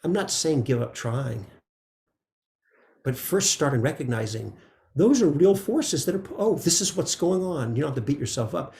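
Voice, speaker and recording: A man teaching meditation in a relaxed, conversational dharma talk, often checking in with "right?". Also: mid-range voice, normal speed, vocal fry, echoey room. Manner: gentle, conversational, frequent "right?" asides.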